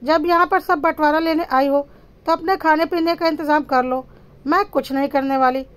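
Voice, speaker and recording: A woman's voice: high-pitched, fairly even intonation, moderate pace, natural voice. A woman voicing a dismissive young sister-in-law in a spoken family story, with curt, cutting lines. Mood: cold.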